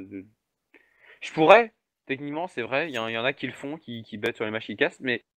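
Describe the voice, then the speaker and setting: A man's voice: on the high side, a bit bright. A man, an esports caster chatting alone before a match, joking about himself and answering viewers' questions. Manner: chatty, self-mocking, answers chat questions. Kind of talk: solo pre-match stream commentary.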